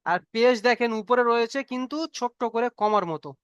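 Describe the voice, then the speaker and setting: In a smooth, slightly bright voice pitched extremely high, this male Quran teacher speaks fairly quickly during an online Arabic reading class. He is patient and repetitive, checking comprehension with frequent questions, and the dry recording has its high frequencies cut off.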